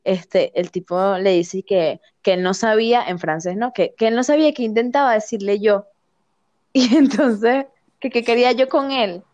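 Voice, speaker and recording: A woman's voice: a little high, normal speed, no room sound, dull audio. A young woman with a Venezuelan accent, telling a story in casual chat with lots of slang and laughter. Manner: animated, laughing often, slangy.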